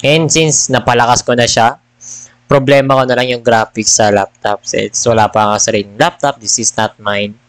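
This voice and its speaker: A man's voice: medium pitch, steady tone, moderate pace, dry recording. Casual rambling man on a dry headset mic. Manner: rambling, mixes Tagalog and English. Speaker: gaming vlogger. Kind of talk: casual chat.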